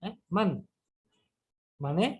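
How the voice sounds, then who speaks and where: A man teaching an Arabic grammar lesson, slowly repeating words and breaking them down step by step. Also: sits high.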